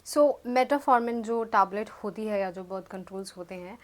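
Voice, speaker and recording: A woman's voice: medium pitch, moderate pace. A young woman, chatting casually to camera. She fumbles her words and laughs at herself. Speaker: YouTube vlogger. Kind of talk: casual chat to camera, mixing Hindi and English.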